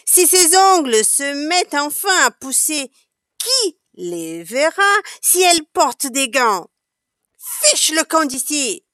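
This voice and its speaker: A woman's voice: sits high, big pitch swings, slow pace, bright, forceful tone, no echo, clean studio sound, pitched above the performer's own voice, full character voice. A woman voicing a furious, proud witch queen who shrieks and scolds.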